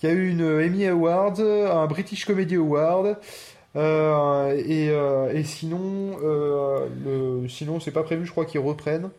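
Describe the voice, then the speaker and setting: A man's voice: on the high side, measured pace. Hesitant man chatting. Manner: hesitant, many fillers, relaxed. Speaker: podcast co-host. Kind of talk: casual podcast chat.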